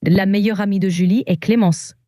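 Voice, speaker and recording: A synthetic woman's voice of a virtual assistant that speaks calmly and politely in an improvised role-play. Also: mid-range voice, normal speed, no room sound, clean studio sound. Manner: calm, polite, even.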